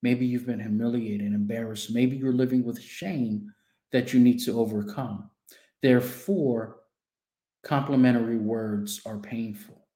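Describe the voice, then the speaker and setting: A man's voice: mid-range voice, steady tone, unhurried, mellow, roomy sound. Earnest man giving a self-help talk. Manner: earnest, addresses the listener directly with questions. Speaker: coach and speaker.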